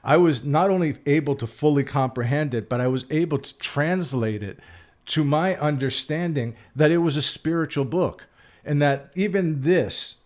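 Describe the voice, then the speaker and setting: A Canadian spiritual vlogger in his 60s talks at normal speed in a fairly high, darkish-toned voice. In this reflective solo video he rambles, frequently correcting himself and using fillers, and is candid and emphatic at times.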